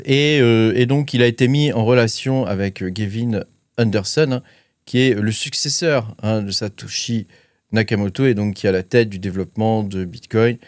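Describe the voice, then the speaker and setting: Speaking to camera on his crypto channel, a man with a mid-range voice reads his notes casually, stumbling through many fillers and hesitations. The audio is studio quality with no room sound.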